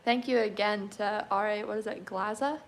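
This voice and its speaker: Woman, twenties, car restorer reading chat aloud; easygoing, chatty, quick to laugh. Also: medium pitch, steady tone, a little hiss or hum. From Canada. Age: 20s. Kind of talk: casual livestream Q&A reading chat.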